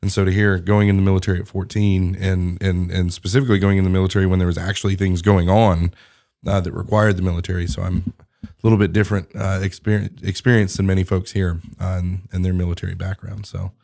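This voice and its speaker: A man's voice: low voice, flat delivery, fast, vocal fry, warm tone. A man hosting a podcast interview, chatty and affirming, with emphatic asides. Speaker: podcast host. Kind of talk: conversational interview.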